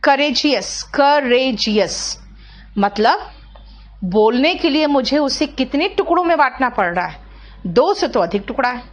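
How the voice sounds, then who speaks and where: A woman teacher with a high-pitched, animated voice gives a grammar lesson. She explains slowly, breaking words down syllable by syllable, and asks her students questions to confirm they're following.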